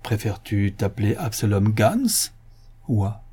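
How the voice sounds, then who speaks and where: A man voicing a pompous, quick-tempered official with a booming, scornful manner. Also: very animated, warm tone, slightly rough, exaggerated voice.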